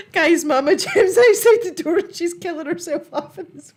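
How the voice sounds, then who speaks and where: A giggly woman with a Scottish accent, chatting informally as she hosts a livestream. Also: very high-pitched. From Scotland. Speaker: livestream host. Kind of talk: casual chat to a live audience.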